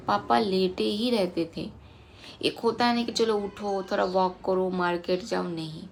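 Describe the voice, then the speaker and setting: Gravelly woman telling a personal story. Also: medium pitch, slight background noise. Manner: emotional, conversational, recounting in detail. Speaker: vlogger.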